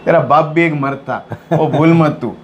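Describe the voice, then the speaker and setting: A man's voice: a little high, normal speed, dull audio, a little hiss or hum. A man hosting a gossip show in casual chat, joking mockingly and reading out viewer comments.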